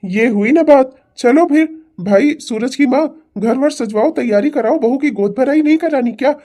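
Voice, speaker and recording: A woman's voice: sits high, moderate pace, dark tone. A woman voicing a stern elderly father-in-law who scolds and lectures his family in a cartoon family drama. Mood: cheerful. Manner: scolding, preachy.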